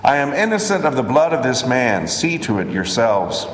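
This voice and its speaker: A man voicing a stern, uneasy Roman governor during a measured scripture reading, in an echoey hall. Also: mid-range voice, big pitch swings, lightly acted. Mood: questioning. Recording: echoey hall with long reverb.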